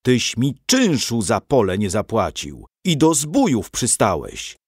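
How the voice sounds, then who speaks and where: A man voicing a gruff robber chief who roars, mocks and orders others about. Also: medium pitch, huge pitch swings, unhurried, dry recording, studio quality, heavily acted. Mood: menacing. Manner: roaring, gloating. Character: gruff male robber chief, mocking and bossy.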